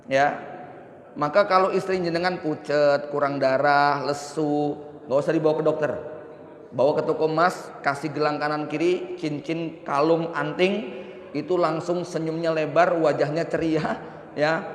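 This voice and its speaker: A man's voice: a little high, fairly even intonation, normal speed. Joking man preaching in an echoey mosque. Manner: humorous, acts out husband and wife exchanges. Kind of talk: mosque lecture sermon. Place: mosque hall. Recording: echoey reverberant mosque hall.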